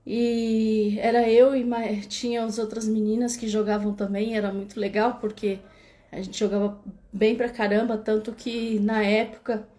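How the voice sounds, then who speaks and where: This is a young Brazilian woman from São Paulo, her voice warm and medium-pitched, hosting a casual livestream from her home in Spain. She tells her story with lots of restarts and filler tags, picked up by a webcam or phone camera.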